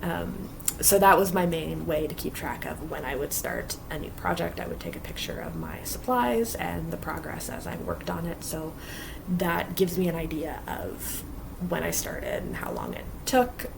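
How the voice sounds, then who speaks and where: A woman vlogs from her home basement craft area about her cross-stitch projects, rambling casually and chatting with lots of fillers. Her low voice swings widely in pitch at a moderate pace, sounds creaky and a little stuffy from allergies, and there's background noise.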